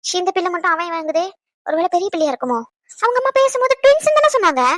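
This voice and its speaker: A man voicing an anxious young man in a cartoon who tries to smooth things over, talking in a pleading, fretful way. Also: very high voice, sing-song, fast talker, a bit bright, no room sound, heavily acted. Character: anxious young man, peacemaker, easily flustered. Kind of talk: cartoon voice acting.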